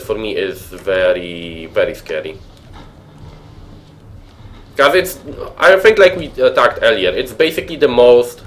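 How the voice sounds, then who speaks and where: Streaming a horror game from his home, a young man with a Polish accent chats with viewers and mutters nervously. His voice sits on the low side and sounds a bit bright.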